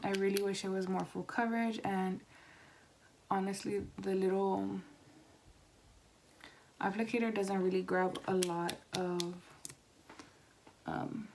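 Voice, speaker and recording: A woman talking quietly and low, as if someone is asleep nearby, in a casual makeup tutorial chat. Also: steady tone, slow pace, long pauses. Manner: quiet, hushed talk at night-time volume so as not to wake someone. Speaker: beauty vlogger. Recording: noisy home recording with clicks.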